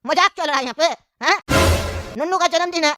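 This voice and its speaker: A woman's voice: extremely high pitch, fast, pushed and bright, no echo, studio quality, faint music behind. Cranky cartoon grandfather. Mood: angry. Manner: scolding, indignant rants. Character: hot-tempered elderly grandfather, loud and grumbling. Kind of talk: cartoon comedy voice acting.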